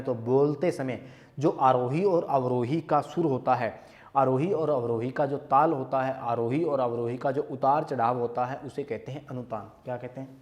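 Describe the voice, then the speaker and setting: A young man teaching a grammar lesson, going through quiz questions and repeating each question before answering it himself. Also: mid-range voice. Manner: asks questions and answers them himself, repeating key terms.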